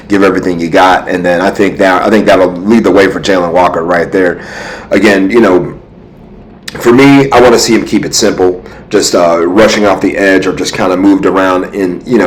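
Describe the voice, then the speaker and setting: Deep-voiced sleepy sports host. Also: male voice, a little hiss or hum, rough recording. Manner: rambling, many fillers and restarts. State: sleepy, yawning. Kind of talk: casual sports commentary.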